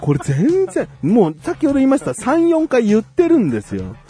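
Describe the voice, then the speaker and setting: A man's voice: very high voice, huge pitch swings, moderate pace, mellow. A man co-hosting a casual podcast, teasing and scolding his partner and laughing often. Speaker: podcast co-host.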